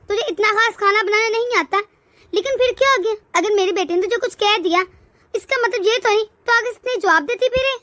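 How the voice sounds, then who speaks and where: A woman's voice: very high-pitched, a bit bright, dry recording. A woman voicing a stern, lecturing middle-aged mother-in-law in a cartoon. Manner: lecturing, scolding. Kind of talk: cartoon voice acting.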